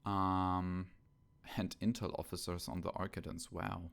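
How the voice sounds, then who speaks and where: A man with a low, gravelly voice talks casually about a tabletop game, full of ums and hesitations as he thinks aloud. His deep tone is rough with fry, and the home recording is rough. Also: flat delivery, unhurried, a bit bright. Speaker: podcast co-host.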